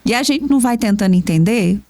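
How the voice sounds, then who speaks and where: Brazilian lady therapist on a podcast, kinda high voice, dry close sound, acts out little dialogues. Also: fast talker, no room sound. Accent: Brazilian Portuguese. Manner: animated storytelling, acts out dialogues with her children. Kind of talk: casual podcast chat.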